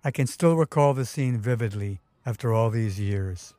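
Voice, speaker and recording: A man's voice: mid-range voice, moderate pace, dark tone, no room sound. Man narrating a wry memoir. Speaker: storyteller. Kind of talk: first-person memoir narration.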